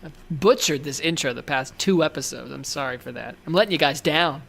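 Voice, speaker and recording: A man's voice: fairly high pitch, a little fast, creaky, fairly bright tone. A man hosting a casual podcast chat, joking and self-deprecating, swearing freely. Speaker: podcast host.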